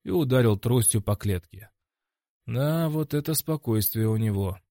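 Мужчина читает аудиокнигу от первого лица. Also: male voice, medium pitch, animated, moderate pace, dark tone, no room sound, clean studio sound. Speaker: audiobook narrator. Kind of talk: first-person scripted narration.

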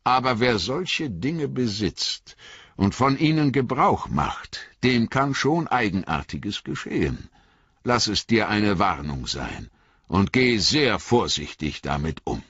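Guy voicing a grave old wizard in an audiobook, slow deliberate warnings, dry close sound. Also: lowish voice, sing-song, a bit bright, husky, no room sound, voice pushed up, full character voice. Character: old male wizard, grave, cautious and wise. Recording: dull lo-fi audiobook recording.

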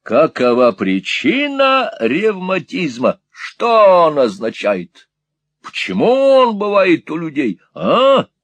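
A man voicing a coarse male schoolmaster who shouts slowly and loudly at a deaf old woman. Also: medium pitch, big pitch swings, no room sound, voice pushed up. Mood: bellowing. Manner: loud, slow and overemphatic.

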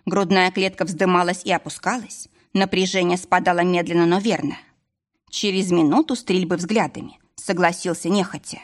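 A woman narrating an audiobook in the first person with steady storytelling. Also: lowish voice, normal speed.

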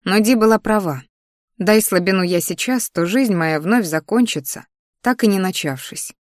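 A woman narrating a fantasy audiobook in first person, in a measured, expressive reading. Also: mid-range voice, dry recording, clean studio sound.

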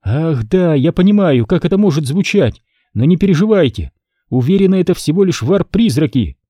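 Man doing a tense, pleading woman navigator; high, animated, urgent. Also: normal speed, no echo. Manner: urgent, strained, at times shouting. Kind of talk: audiobook character reading.

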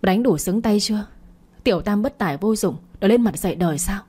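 A woman voicing a defiant young pregnant daughter-in-law who speaks in a sharp, sneering way. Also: mid-range voice, lively intonation, brisk, breathy edge. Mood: scornful.

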